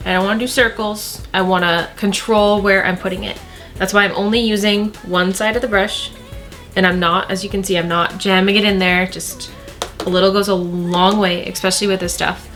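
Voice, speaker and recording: A woman at a middling pitch talks viewers through a makeup routine. She is chatty and casual, doubling up on words to stress a point. Soft music plays faintly behind her. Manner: chatty, repeats words for emphasis. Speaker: beauty vlogger. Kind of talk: makeup tutorial talk.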